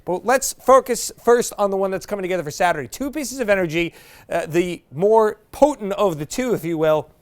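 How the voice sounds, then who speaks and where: A man's voice: sits high, animated, fairly quick. A man presenting a TV weather forecast in a chatty, folksy way with casual asides. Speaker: meteorologist.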